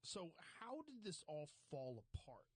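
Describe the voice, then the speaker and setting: An interviewer puts short, probing questions to a guest in casual talk. The pitch moves around a lot, and the recording is dry and close. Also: huge pitch swings, unhurried, breathy edge, no room sound.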